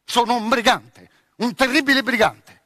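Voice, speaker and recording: A man's voice: high voice, very animated, moderate pace, pushed and bright, no room sound, clean studio sound, pitched above the performer's own voice, full character voice. Man doing a proud, touchy noble boy. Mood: boastful. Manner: indignant, boastful.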